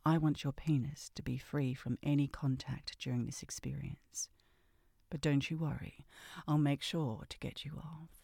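Sultry, gravelly woman in ASMR role-play. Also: low voice, fairly even intonation, normal speed, dry recording, clean studio sound. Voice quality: breathy, often dropping into a soft voice. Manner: sultry, seductive narration; commanding, teasing.

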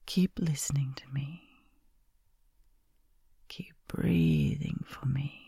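A woman whispering softly and slowly close to the microphone, soothing a listener toward sleep in a caretaker roleplay. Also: rumbling low, sing-song, creaky, slightly rough, no room sound. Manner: soft, slow, soothing whisper.

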